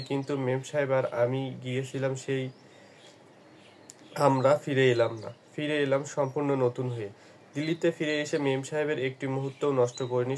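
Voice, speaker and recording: Male narrator for a novel reading; measured storyteller, middle-pitched voice, faint background noise. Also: a little mellow. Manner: measured storytelling with occasional restarts. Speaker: audiobook narrator.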